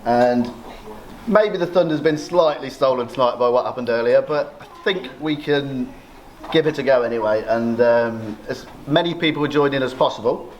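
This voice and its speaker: A middle-aged father of the bride gives an informal, joking wedding speech in a medium-pitched voice at a moderate pace, his delivery dry, self-deprecating and sometimes sweary. It's a busy indoor reception, and the crowded room is noisy with guests chattering and laughing.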